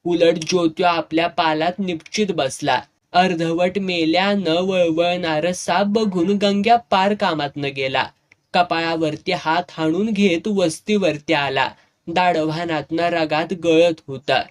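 A man's voice: a little high, steady tone, slow pace. Man reading a village tale. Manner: dramatic, raising voice for shouted dialogue. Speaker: narrator. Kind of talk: serialized novel reading with voiced dialogue.

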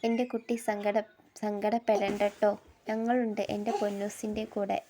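A woman voicing a loving older father who gently consoles his daughter. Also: mid-range voice, level tone, normal speed, noisy background, close to an everyday voice. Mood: consoling.

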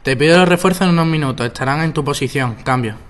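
A teenage boy playing a calm military base operator in an amateur radio drama, using formal procedure talk over a radio. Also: fairly high pitch, quick pace, background noise, lightly acted. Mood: businesslike. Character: military control-tower operator, calm and apologetic. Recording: loud music behind.

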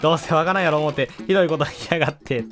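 A man playing a gruff scolding mole in Kansai dialect. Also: on the high side, very fast, music in the background, natural voice. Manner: gruff, scolding, exasperated lecturing. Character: grumpy scolding male mole, short-tempered lecturer. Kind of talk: reading game dialogue aloud in character.

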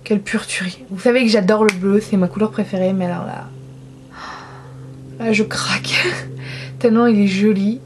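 A woman's voice: mid-range voice, fairly even intonation, fairly quick, a little mellow. A young woman from France chatting casually through a makeup swatch review, enthusiastic and self-mocking. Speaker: beauty vlogger.

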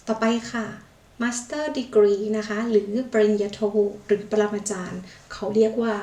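Slow, deliberate woman teaching vocabulary. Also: medium pitch, darkish tone. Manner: says foreign words slowly and repeats them, polite particles. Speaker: language teacher. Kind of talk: vocabulary lesson. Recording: echoey room, mic far off.

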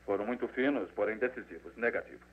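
An actor dubbing a suave baron in an old film, with a slightly hesitant way of talking. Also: male voice, fairly low pitch, fast talker, slightly rough. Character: smooth charming baron, husband. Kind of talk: 1940s Brazilian Portuguese film dub. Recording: tinny old film dub.

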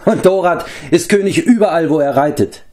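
A man's voice: a little high, moderate pace, a little mellow, voice pushed up, lightly acted. A man voicing a smug, mocking bandit chief who drawls his words in a storybook reading.

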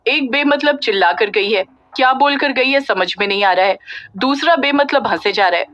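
A woman's voice: on the high side, very animated, normal speed, fairly bright tone, no echo. A woman narrator voicing Tara, a good-natured young woman who keeps asking bewildered questions. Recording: dull lo-fi audio with faint music.

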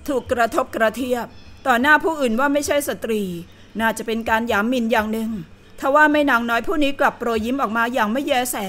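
Woman, audiobook narrator, scripted novel narration, steady storytelling, higher pitch.

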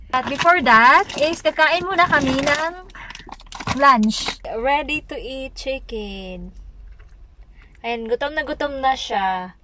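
A young Filipino woman, a Bisaya native speaker and vlogger, chats casually in hesitant, Filipino-accented English into a handheld selfie camera, first inside a van and then on a sandy beach. Her high voice has a bright, forceful tone, and the rough recording carries slight background noise.

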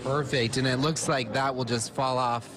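A man's voice: medium pitch, fairly even intonation, normal speed, music in the background. A young man reporting live for TV from a cafe, upbeat and chatty, on a handheld mic. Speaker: field reporter. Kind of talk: live TV food segment. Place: indoor cafe dining room. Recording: diners chattering behind.

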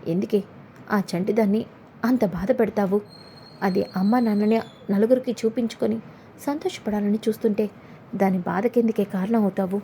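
A woman's voice: medium pitch, steady tone, moderate pace, pauses often, warm tone, a little hiss or hum, lightly acted. A woman voicing a blunt, bossy older mother-in-law in a retold serial, chiding as she talks.

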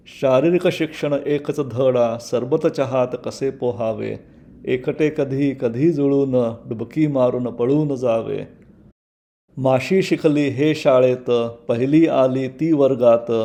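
Man reading his own funny poems, slow and gravelly, dark mellow voice, rhythmic, repeats last lines. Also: mid-range voice. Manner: measured, rhythmic recital that repeats closing lines. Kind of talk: poetry recitation.

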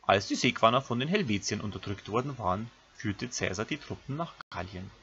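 A man's voice: on the low side, expressive, brisk, a bit bright, highs cut off, slight background noise. A man, a teacher giving a recorded grammar lesson, who explains step by step and speaks directly to his pupils. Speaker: Latin teacher.

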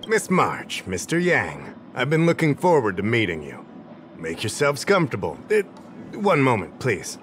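An actor playing a friendly, somewhat scatterbrained official in a video game, casual and easygoing. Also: male voice, mid-range voice, huge pitch swings, moderate pace, a little hiss or hum. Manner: casual and easygoing, a bit forgetful. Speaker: game character.

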